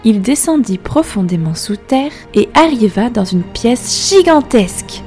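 A woman telling a fairy tale in calm, expressive scripted narration. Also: on the high side, a little slow, soft background music. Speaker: storyteller.

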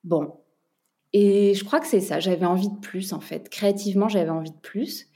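A woman from France, a podcast guest and entrepreneur, chatting casually with many pauses and fillers, laughing now and then. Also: mid-range voice, fairly even intonation, mellow. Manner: hesitant, many fillers and restarts, laughs often. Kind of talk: casual chat.

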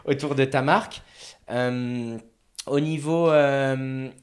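Hesitant male interviewer, mid pitch. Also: fairly even intonation, takes it slowly. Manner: hesitant, searching for words, many fillers. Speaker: business interviewer, host. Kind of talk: interview questions.

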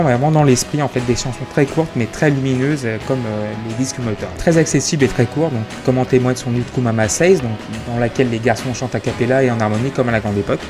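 Hesitant French man over background music. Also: mid-range voice. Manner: hesitant, many fillers and restarts. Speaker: host of a music chronicle. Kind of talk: casual spoken music review. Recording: music playing behind the voice.

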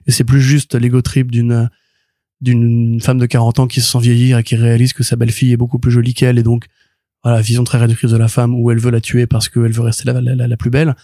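Fast-talking man with a mellow voice. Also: medium pitch, completely flat delivery, no room sound, clean studio sound. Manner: rambling, many restarts and fillers, enthusiastic. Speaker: podcast co-host. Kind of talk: casual chat reviewing comics.

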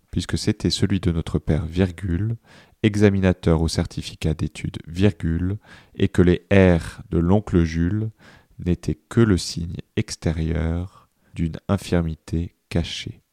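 A man reading a dictation aloud, deliberately repeating each phrase and speaking the punctuation marks. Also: low voice, steady tone, warm tone, no echo, studio quality. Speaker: dictation reader.

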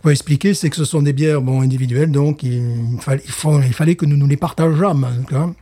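A man's voice: fairly high pitch, quick pace, warm tone. Playful laughing man co-hosting a chat. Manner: playful, wordplay, frequent laughter, stammering restarts. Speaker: podcast co-host. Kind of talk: casual chat.

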